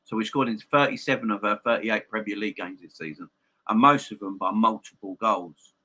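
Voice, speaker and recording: A man hosting a football fan channel's live stream chats casually with viewers and offers football opinions. His voice is very bright and forceful, on the low side and brisk, with a slight gap-toothed lisp. He speaks emphatically, often repeating a phrase to drive it home.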